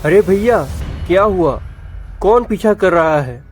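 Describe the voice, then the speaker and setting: A stern old village elder questions firmly in a raised, steady voice, as a man puts him on. He speaks slowly and deliberately, with soft music behind him in this spoken storybook. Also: high voice. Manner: firm and questioning. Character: oldest wise village elder, gruff and stern.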